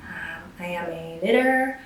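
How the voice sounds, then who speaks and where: A young woman from Taiwan chats eagerly to camera as host of a knitting show, her voice sitting a little low. She sounds set back from the microphone in a strongly echoing room, with a faint hiss underneath. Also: expressive, measured pace. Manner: chatty and enthusiastic, rambling asides. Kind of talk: casual chat to camera. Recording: very echoey room, distant mic, faint hiss.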